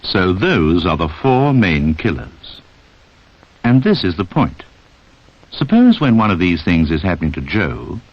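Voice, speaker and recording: This man's voice sits low and sounds slightly rough as he narrates a 1960s public information film. His scripted delivery speaks directly to the listener, and the soundtrack is dull and band-limited, typical of the era.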